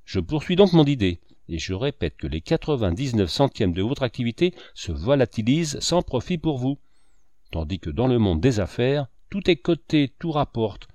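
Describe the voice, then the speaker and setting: A man's voice: medium pitch, sing-song, normal speed, a little mellow, no room sound, natural voice. A man doing a sardonic lecturing cynic. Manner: declamatory, sweeping and sardonic. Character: lecturing older male cynic, sardonic talker.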